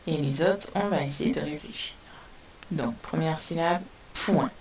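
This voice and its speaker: A woman teaching a spelling lesson to young pupils, dictating words slowly and sounding out each letter. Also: deep voice, crowd noise. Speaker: primary school teacher. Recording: distant mic with faint hiss.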